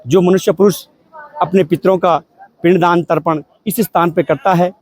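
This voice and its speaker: A man's voice: sits high, steady tone, moderate pace, no echo. A man speaking as a religious guide, reciting and explaining scripture and ritual.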